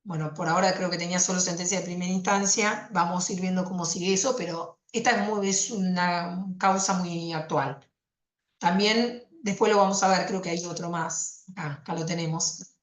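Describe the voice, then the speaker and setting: A woman's voice: lowish voice, steady tone, normal speed, reverberant. A woman prosecutor giving a university lecture on consumer law, explaining conversationally with fillers and rhetorical questions.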